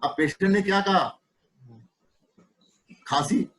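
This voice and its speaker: Man teaching with rhetorical questions, higher voice. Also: expressive, normal speed, rough recording. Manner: conversational, fires rhetorical questions, acts out dialogues. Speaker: homeopathy teacher. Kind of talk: webinar lecture to students.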